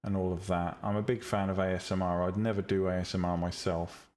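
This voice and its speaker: A low-pitched man speaking a little fast chats casually and bluntly with stream viewers about making 3D tutorials, often umming and restarting. His voice is calm and relaxing, and he teaches 3D rendering and visual novel making.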